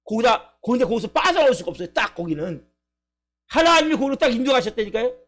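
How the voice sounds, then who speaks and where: A man's voice: very high voice, very animated, fast talker, a bit bright. A male pastor preaching a live church sermon, emphatic and full of rhetorical questions to the congregation. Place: church service.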